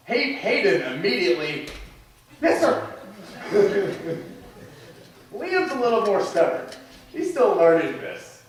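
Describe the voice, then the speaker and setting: Preacher in an echoey church hall. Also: male voice, high-pitched, distant mic. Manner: conversational, with restarts and asides. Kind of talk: sermon. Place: church sanctuary.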